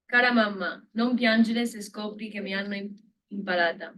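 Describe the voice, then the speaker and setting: A woman's voice: mid-range voice, moderate pace, fairly bright tone, poor audio. A woman from Italy, a student, reading a poem aloud in class, earnest and stumbling over words. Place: lecture room.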